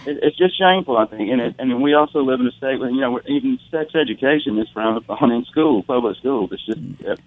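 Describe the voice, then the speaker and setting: A man from Mississippi calling in to a radio show over the phone, earnest and halting, searching for his words. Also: mid-range voice, animated. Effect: heard over the phone. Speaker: radio call-in caller. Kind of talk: call-in commentary. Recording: tinny phone line, dry.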